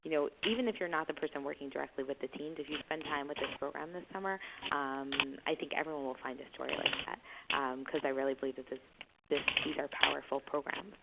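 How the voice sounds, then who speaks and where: Deep-voiced woman host, encouraging; dull, noisy conference line. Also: fairly even intonation, fast. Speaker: webinar host. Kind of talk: webinar talk. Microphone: conference call. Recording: muffled call line with clear noise.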